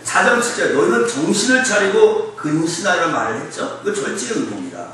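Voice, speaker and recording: Lively Korean pastor in an echoey hall. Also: male voice, high voice, brisk, far from the mic. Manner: lively, humorous storytelling with call-and-response to the congregation. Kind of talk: sermon. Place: church sanctuary. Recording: echoey church hall, mic from afar, faint noise.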